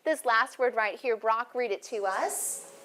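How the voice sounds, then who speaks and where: A woman teaching a first-grade phonics lesson in a classroom, speaking slowly and clearly with encouragement. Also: a little high, a bit bright, slight background noise.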